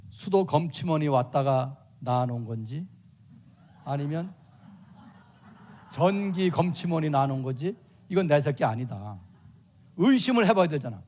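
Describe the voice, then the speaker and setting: An older man delivers a sermon in a slightly high voice, hammering points home by repeating them. He acts out family quarrels and swings from sudden loud outbursts to soft, hushed tones. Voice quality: shouts out loud in acted quotes. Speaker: preacher.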